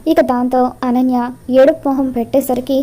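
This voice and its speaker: High-voiced woman narrating a story. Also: fairly even intonation, normal speed, warm tone. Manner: retells scenes, voicing the characters' lines in quotes. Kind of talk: storytelling recap of a TV serial.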